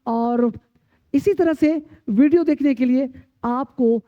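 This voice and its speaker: A woman with a high voice teaches pronunciation at an unhurried pace, drilling long lists of words and answering her own questions. Her voice is dry and close, with a dull, lo-fi sound. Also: no room sound. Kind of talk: classroom-style lesson.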